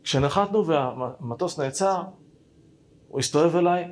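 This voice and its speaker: A man with a fairly high voice tells a personal story as a rabbi. He talks straight to his listeners in an animated way, acting out what each person said. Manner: animated, acts out dialogue, addresses listeners directly.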